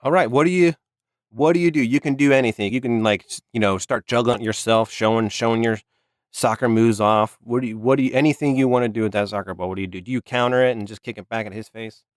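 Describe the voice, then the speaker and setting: A man narrating as game master in a halting, easygoing manner. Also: mid-range voice, no echo, studio quality. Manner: halting, restarts, laughs along.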